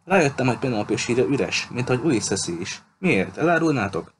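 A man's voice: medium pitch, lively intonation, slight background noise, voice pushed up, natural voice. A man voicing a distraught teenage boy who keeps pressing for answers in an audiobook reading. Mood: demanding. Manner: pleading, urgent questioning.

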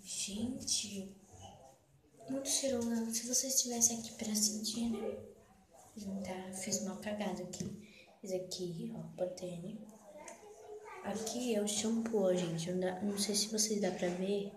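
A woman's voice: medium pitch, fairly even intonation, a little slow. A woman from Brazil vlogging to her viewers from a small bathroom, rambling and often half-whispering. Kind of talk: casual vlog talk to viewers. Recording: echoey bathroom with background noise. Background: background noise, kids shouting.

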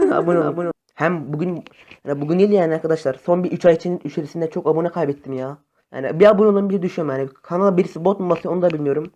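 A young man chatting casually to his viewers over phone gameplay, excitable and friendly. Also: a little high, rapid-fire, lo-fi sound. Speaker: gaming YouTuber. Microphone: phone camera facecam.

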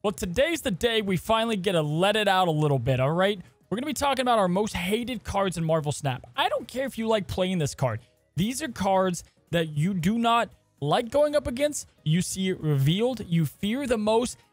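A man co-hosting a casual gaming podcast, animated and jokey as he runs the segments. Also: sits high, moderate pace, dry recording, faint music behind. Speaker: podcast co-host.

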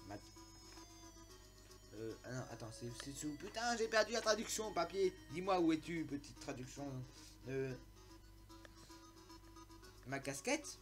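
A man's voice: medium pitch, fairly bright tone. A man casually commenting on a game he plays, rambling and flustered, often laughing at his own slips. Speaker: let's play host.

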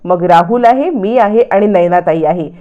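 A woman's voice: on the low side, normal speed, lo-fi sound, natural voice. A woman voicing a resolute young daughter-in-law who speaks steadily and earnestly. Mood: earnest resolve.

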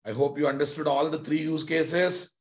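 A man's voice: a little high, steady tone, normal speed. A middle-aged man with a Telugu Indian accent teaches a live online technical class, speaking emphatically, repeating points and checking with rhetorical questions. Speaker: software trainer.

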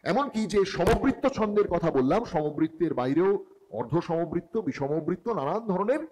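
High-voiced man lecturing in an echoey hall. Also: darkish tone. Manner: explains step by step, addressing students directly. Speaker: teacher. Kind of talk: classroom lecture.

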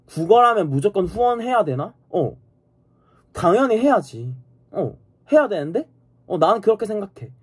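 A man's voice: high-pitched, very animated, normal speed, breathy edge. A man streaming live, angrily and profanely ranting at his viewers and insulting them. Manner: repeats a challenging "eh?".

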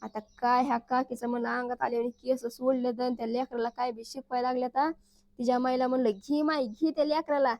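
A woman's voice: on the high side, flat delivery, a little fast, darkish tone, dry recording. A woman narrating a family vlog as a teasing, chatty comic storyteller who acts out the lines she quotes. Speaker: family vlogger.

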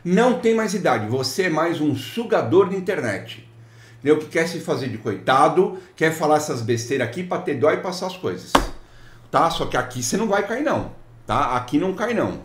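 A man's voice: a little high, big pitch swings, a little fast, a little hiss or hum. A Brazilian man, an IT technician, rants sarcastically and scolds mockingly as he reads out client messages. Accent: Brazilian Portuguese. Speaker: IT technician vlogger. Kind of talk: ranting commentary reading client messages. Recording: roomy echo.

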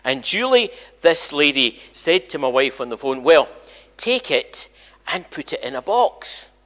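Speaking inside a large church sanctuary, an older Scottish minister chats informally and animatedly with his congregation, telling stories in an all-age talk. His voice is fairly high, very animated and fairly bright, at a measured pace, with long reverb filling the echoey hall.

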